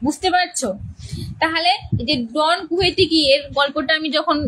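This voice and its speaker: A woman's voice: high voice, steady tone, moderate pace, fairly bright tone, low-quality recording. A woman English teacher explaining a play's characters to students, repeating key words and often checking that they understand.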